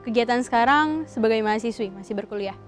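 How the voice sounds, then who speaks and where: Teen woman, high voice, tentative talk. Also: fast talker, faint music behind. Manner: tentative, hedging casual talk. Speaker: panel guest, university student. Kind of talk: casual discussion.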